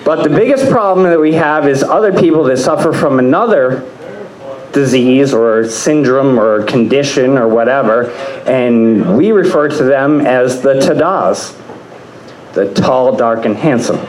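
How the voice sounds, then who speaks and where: A man's voice: medium pitch, unhurried, a little mellow. A man doing a stand-up comedy set on a club stage, rambling and crude, often laughing at his own jokes. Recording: echoey club room.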